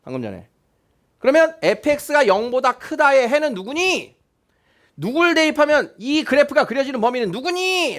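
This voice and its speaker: A man's voice: high voice, a bit bright. A male math teacher explaining a lesson, asking questions and repeating key points to check that students follow. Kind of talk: classroom math lecture.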